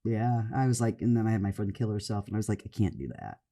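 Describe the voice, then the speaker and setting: Very deep-voiced woman telling rambling stories. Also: level tone, fast talker, mellow. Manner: rambling storyteller, laughs often. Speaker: podcast co-host, comedian. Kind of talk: casual chat.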